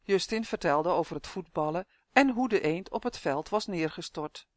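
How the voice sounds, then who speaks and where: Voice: mid-range voice, expressive, moderate pace, no echo. A storyteller reading a children's book aloud, lifting the voice for the characters' dialogue. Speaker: narrator.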